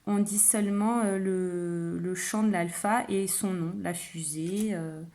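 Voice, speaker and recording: A woman, a kindergarten teacher, calmly explaining a phonics game to parents and stretching out example words. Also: fairly low pitch, slow pace. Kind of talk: home-schooling phonics lesson for parents.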